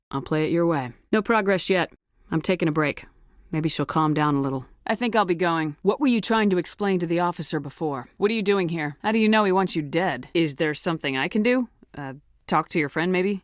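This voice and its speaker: Woman voicing tough female commander in a video game, low voice, firm and blunt, dry studio sound. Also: no echo, natural voice. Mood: commanding, then stern, probing. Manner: clipped, authoritative delivery. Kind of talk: video game dialogue acting.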